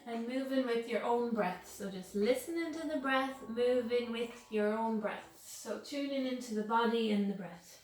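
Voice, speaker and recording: A woman leading a guided yoga class in a calm, soothing, unhurried manner. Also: on the high side. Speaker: yoga instructor. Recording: echoey room, distant mic, faint music.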